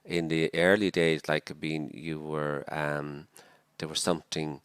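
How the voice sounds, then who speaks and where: A priest from Dublin, Ireland, in his sixties, is interviewed and answers reflectively with many fillers and restarts in a Dublin Irish accent. His extremely low voice has little pitch movement and is a little slow, a bit bright and smooth. The recording is dry.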